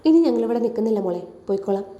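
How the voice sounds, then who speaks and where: Woman reading as a sorry middle-aged dad, quiet and apologetic, very dark mellow tone. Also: a little high, animated, rapid-fire, roomy sound, lo-fi sound, natural voice. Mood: subdued. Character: remorseful middle-aged father, gentle and apologetic.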